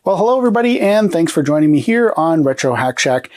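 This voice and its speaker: A man's voice: a little high, sing-song, fast talker. A man in his forties hosting a casual retro computer show, a bit nasal and congested from a recent illness, chatty and upbeat with loose fillers. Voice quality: slightly nasal. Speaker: host.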